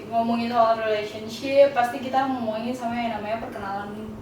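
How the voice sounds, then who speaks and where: A woman's voice: on the high side, steady tone, fairly quick, a little mellow. A young woman in her twenties co-hosting a casual podcast chat, teasing and laughing often. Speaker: podcast co-host. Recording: echoey room, far from mic, faint noise.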